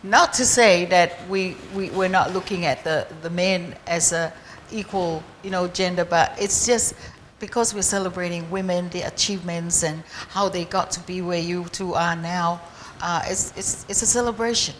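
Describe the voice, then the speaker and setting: A woman's voice: lowish voice, normal speed, few pauses, slight background noise. A woman hosting a radio interview, chatty with lots of agreeing murmurs. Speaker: host.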